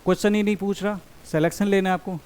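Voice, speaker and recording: A young man giving an exam strategy lecture in Hindi and English. He reads quoted exam statements slowly and explains the rest briskly. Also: sits high, fairly even intonation, a little mellow, clean tone. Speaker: exam coaching teacher.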